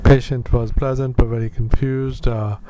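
A man speaking as a doctor doing medical dictation, in halting, clipped phrases with spoken punctuation. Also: mid-range voice, little pitch movement, background noise. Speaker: doctor dictating clinical notes.

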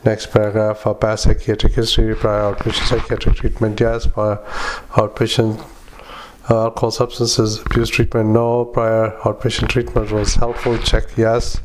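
A man with a lowish voice and very flat intonation delivers medical dictation. He speaks as a clinician, in short broken phrases with frequent hesitations, calling out punctuation and formatting as he goes. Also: slight background noise, low-quality recording. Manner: halting, fragmented clipped phrases with frequent long hesitations. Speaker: clinician dictating psychiatric notes.

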